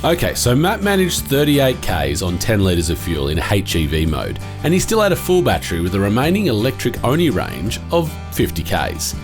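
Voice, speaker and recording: A man's voice: lowish voice, wildly swooping pitch, moderate pace, hardly any pauses. A man reading a scripted voice-over as narrator. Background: guitar music.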